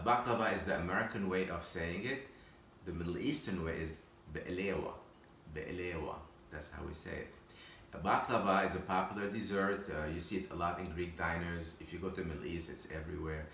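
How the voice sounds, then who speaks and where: Deep-voiced man teaching home cooking. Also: fairly bright tone, a little hiss or hum. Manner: halting, patient step-by-step explaining with frequent restarts. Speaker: home cook. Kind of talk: cooking demonstration. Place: home kitchen. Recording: echoey kitchen room.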